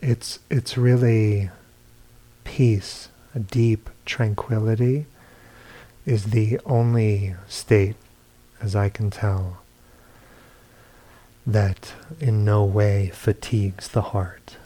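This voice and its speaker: A man giving a dharma talk at a retreat center, telling a story in an unhurried way with soft laughs and hushed asides. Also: on the low side, steady tone. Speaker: meditation teacher. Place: retreat center meditation hall.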